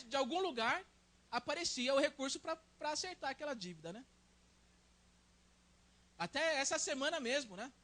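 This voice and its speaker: High, bright Brazilian man preaching. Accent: Brazilian Portuguese. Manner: conversational, tags sentences with "né?". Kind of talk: sermon.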